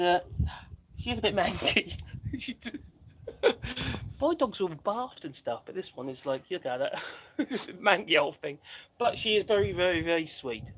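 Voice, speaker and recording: Guesting on a live stream, this man in his fifties from Norfolk, England, speaks with a Norfolk accent, rambling casually and laughing a lot. His voice is high-pitched with a sharp tone, recorded by a camera on a tripod.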